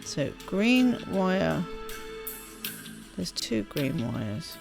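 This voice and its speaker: Speaking very slowly in a lowish, creaky voice with big pitch swings, a woman reads a game's story aloud as she plays a let's play. She performs the text expressively and breaks off for casual asides, all over background game music.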